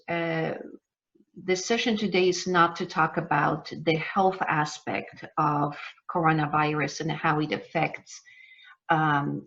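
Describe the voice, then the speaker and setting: A woman's voice: sits low, fairly bright tone. A middle-aged woman from Poland with a Polish accent, a business coach leading a live online masterclass, talking with many ums and uhs. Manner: hesitant, many fillers. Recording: dull lo-fi sound.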